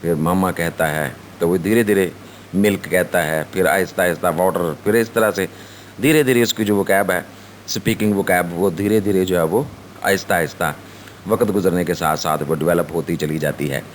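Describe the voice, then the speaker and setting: A Pakistani-accented male lecturer with a very low, deep voice explains vocabulary to his students. He reads English definitions slowly, pauses often with fillers, then explains them in Urdu. A faint hiss of noise sits under the recording. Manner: slow, halting delivery with frequent fillers, mixing English and Urdu. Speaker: college lecturer.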